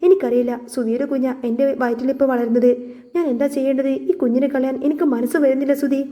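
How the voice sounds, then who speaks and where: A woman's voice: sits high, fairly even intonation, fast talker, warm tone, lightly acted. A woman voicing a scheming young wife in a storybook retelling, who puts on sobbing and weariness. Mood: fake tearful. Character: scheming young wife faking tearful distress.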